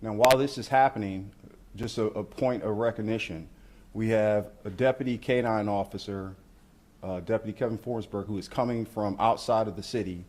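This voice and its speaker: Low-voiced man giving an official briefing. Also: a little mellow. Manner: measured, procedural, official wording. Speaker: law enforcement official briefing reporters. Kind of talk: news briefing commentary on footage.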